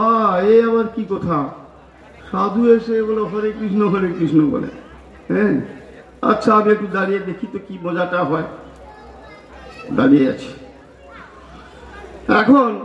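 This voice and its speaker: Male preacher, high voice, storytelling sermon with chant, roomy lo-fi sound. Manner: acts out dialogue between characters, chants loudly. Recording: roomy, dull lo-fi recording.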